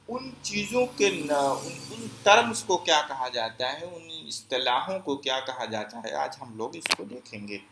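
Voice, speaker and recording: A male teacher giving an exam-prep grammar lesson, explaining step by step, asking questions and answering them himself, and repeating key phrases slowly. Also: fairly high pitch, fairly bright tone, reverberant, slight background noise.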